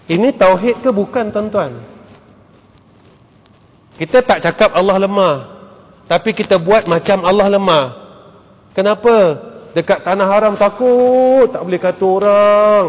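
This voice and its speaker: A man's voice: high voice, unhurried, pauses often. A man with a Malaysian Malay accent, a religious teacher giving an emphatic sermon and repeatedly addressing the audience. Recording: long hall reverb.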